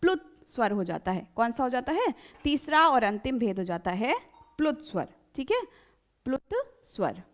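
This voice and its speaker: A woman's voice: a little high, sing-song, moderate pace. A woman teacher giving an exam-prep grammar lesson, repeating key phrases and quizzing her pupils, whom she fondly calls children.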